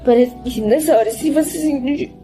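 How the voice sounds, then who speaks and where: High-pitched woman, halting and tearful. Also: mellow, soft background music. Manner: halting and repetitive, often tearful. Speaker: interviewee giving a religious testimony. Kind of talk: emotional spoken testimony.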